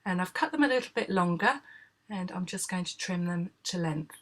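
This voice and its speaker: Hoarse from a cold, a woman with a lowish voice speaks at a moderate pace as she calmly guides listeners through a craft project step by step. Her tutorial voice-over contains frequent fillers.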